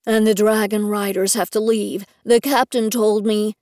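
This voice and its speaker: A woman's voice: mid-range voice, little pitch movement, darkish tone, no room sound, studio quality, close to an everyday voice. A woman voicing a worried young man who gasps out urgent news in a storm. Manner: gasping, hurried urgency.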